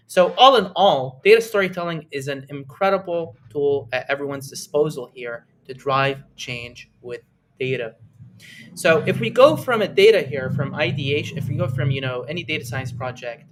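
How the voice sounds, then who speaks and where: In a fairly bright voice that sits on the high side, a young Lebanese webinar host chats enthusiastically with his online audience. He speaks conversationally, dropping frequent fillers and "right?" tags.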